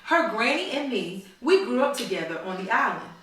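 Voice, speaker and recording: A woman's voice: a little high, big pitch swings, normal speed, a bit bright. Woman voicing a firm, folksy grandmother, very echoey. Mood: fond, proud. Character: loving, firm Trinidadian grandmother full of encouragement. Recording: very echoey room, far from mic.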